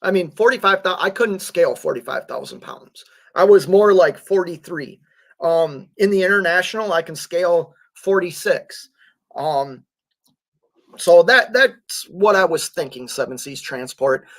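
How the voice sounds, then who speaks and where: A truck driver hosting a livestream reads viewer comments in loose, casual chat, his somewhat high voice fraying toward hoarseness. He keeps a measured pace, halting often, clearing his throat and leaning on fillers.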